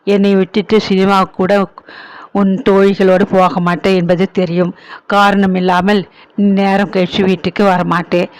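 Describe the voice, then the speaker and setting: A man voicing a calm persuasive young wife. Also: high-pitched, clear, resonant tone, no echo, lightly acted. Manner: gently insistent.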